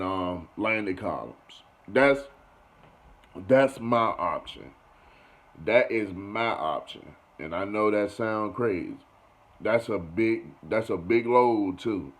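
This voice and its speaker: Casual low-voiced sports vlogger, man. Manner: loose and conversational, repeats phrases, keeps saying "you feel me". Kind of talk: casual sports commentary monologue.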